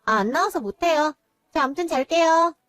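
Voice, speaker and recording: High-voiced, dramatic young sister-in-law acted by a woman, worn out and whiny, dry read. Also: expressive, brisk, a bit bright, dry recording.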